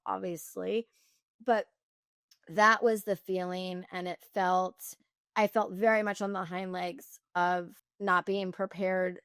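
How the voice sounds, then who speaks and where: A woman who founded a company, talking candidly in an interview, fast and animated, with many restarts and "like.". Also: mid-range voice, smooth, no room sound, clean studio sound. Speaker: founder and guest.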